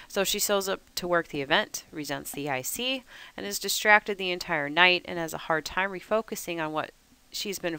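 Crisp, bright woman narrating training slides. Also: fairly low pitch. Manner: measured, instructive, reads steadily. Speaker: weather service trainer.

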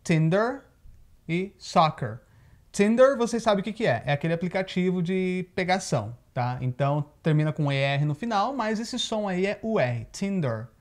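A man's voice: sits high, animated, normal speed. A Brazilian man with a Brazilian Portuguese accent, giving a casual video lesson on English pronunciation and explaining patiently. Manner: explains patiently, often checks in with "tá?". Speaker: English teacher. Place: living in the United States.

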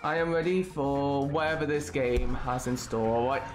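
A man's voice: mid-range voice, measured pace, over music. A Scottish man in his twenties giving casual, sweary, rambling live gameplay commentary. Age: 20s. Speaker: game streamer.

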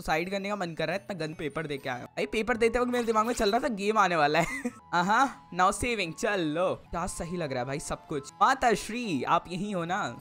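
Excitable young man gaming, chatty. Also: sits high. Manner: excitable, chatty, calls viewers bro. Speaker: gaming YouTuber. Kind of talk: casual let's-play commentary.

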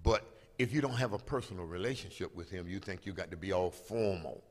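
The voice sits low and moves a little fast: an older man preaching from the pulpit of a large church, microphone in hand. Calling and responding with the congregation and lingering on key phrases, he climbs to loud, emphatic declarations as the sound echoes long through the hall.

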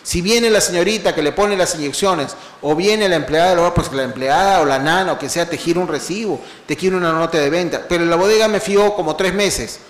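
A man giving a lively seminar lecture, full of rhetorical questions and long spoken lists. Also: high-pitched, a little fast, few pauses, reverberant. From Peru. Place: lecture hall.

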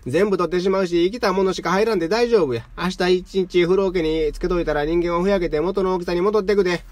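A boisterous young family head with a Kansai accent proclaims to the crowd in a raised, bright voice, as a man puts him on in a storybook reading. The delivery is loud and showy, recorded dry and close. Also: high-pitched, steady tone, fast, dry recording, voice pushed up, lightly acted. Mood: reassuring. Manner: boisterous, announcing. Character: cheerful young head of a household, showman.

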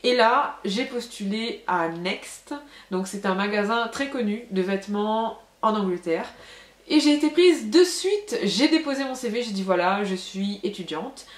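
A young woman from France chats straight to her viewers, frank and loose, with many filler sounds. Her voice sits at an ordinary middle pitch. The room around her rings with noticeable echo. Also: normal speed. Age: young adult. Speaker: vlogger. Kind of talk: casual storytelling to camera. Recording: echoey room.

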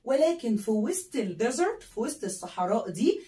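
A woman's voice: on the high side, big pitch swings, brisk, warm tone, recorded from a distance. A woman with an Egyptian Arabic accent teaching English vocabulary to children, spelling words letter by letter and repeating them for pupils to say after her. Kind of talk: classroom vocabulary lesson. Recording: echoey room, voice a bit off-mic.

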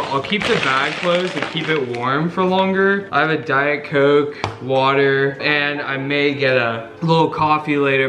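Man in his twenties, casual food vlogger, slightly high voice, slangy, excitable, music behind him. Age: 20s. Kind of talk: casual vlog chat. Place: home kitchen and dining room, indoors.

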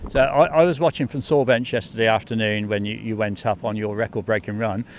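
A man's voice: on the low side, steady tone, brisk. An older man interviewing a race driver outdoors in a paddock, talking in a chatty, friendly way with a handheld mic. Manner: chatty and friendly, with filler ums. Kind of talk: casual motorsport interview. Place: outdoors in a race paddock beside a team truck. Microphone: handheld mic with fluffy windshield. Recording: faint outdoor background noise.

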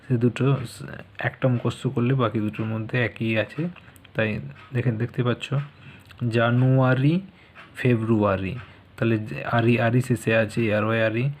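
A man teaching children, slowly spelling out words letter by letter. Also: on the low side, flat delivery, a little hiss or hum. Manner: slow, spells out letters one by one.

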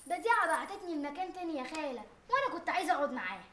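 A woman's voice: sits high, very animated, rapid-fire, sharp tone, reverberant, slight background noise, heavily acted. An actress playing a naive, chatty young woman, speaking with an Egyptian accent and asking questions one after another. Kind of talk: TV drama acting.

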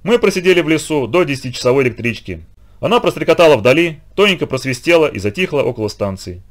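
A man reading a children's story aloud with expressive, animated storytelling. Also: a little high, quick pace. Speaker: audiobook reader. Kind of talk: scripted narration.

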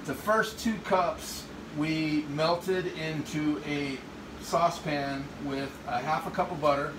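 Slow and fairly even in intonation, this man's voice is on the high side. He's a middle-aged home cook giving a casual cooking demo in his kitchen, rambling a little through each step, recorded by a phone camera across the room with echo, distance, and hum.

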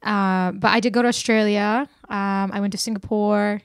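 A woman's voice: medium pitch, moderate pace, clear, resonant tone, no room sound, studio quality. A woman in her twenties from Burma, a singer and nurse, chatting casually as a podcast guest. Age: 20s. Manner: relaxed, chatty, laughs easily. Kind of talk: casual interview chat. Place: small indoor studio set on a couch. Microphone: handheld microphone.

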